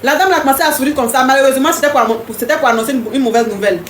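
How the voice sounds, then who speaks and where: A woman's voice: high-pitched, very fast, reverberant, slight background noise. A woman hosting a live stream, chatting casually and teasingly with viewers, repeating herself often. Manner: repetitive, teasing, talks straight to commenters.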